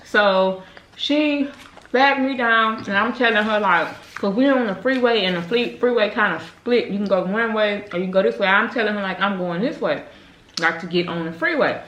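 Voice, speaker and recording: Bright-voiced woman telling a story, roomy sound. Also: medium pitch, moderate pace, muffled recording. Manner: animated, acts out quoted exchanges. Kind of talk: casual storytime chat. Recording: roomy, echoey room.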